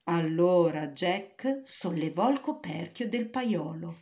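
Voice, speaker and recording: A woman's voice: lowish voice, lively intonation, slow pace, darkish tone. A woman narrating a fairy tale in a storybook reading, with careful storytelling.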